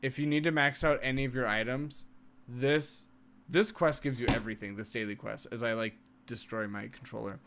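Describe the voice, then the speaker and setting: A man's voice: mid-range voice, steady tone, moderate pace, fairly bright tone, a little hiss or hum. A man giving casual late-night commentary while playing a video game, rambling and often restarting his sentences. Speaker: game streamer.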